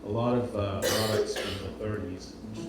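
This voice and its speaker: Speaking with a fairly low pitch and a steady tone at normal speed, a Portuguese man gives a casual presentation about his design work. He is hesitant, often repeating words while reaching for phrasing. The sound comes from a noisy, distant live recording in an echo-heavy indoor event space.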